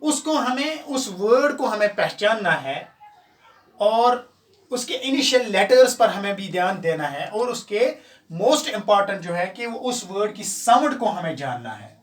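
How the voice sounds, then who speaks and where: Man, grammar teacher, high voice, distant echoey room recording. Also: sing-song. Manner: slow, explains step by step and repeats examples. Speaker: English teacher. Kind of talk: classroom grammar lesson.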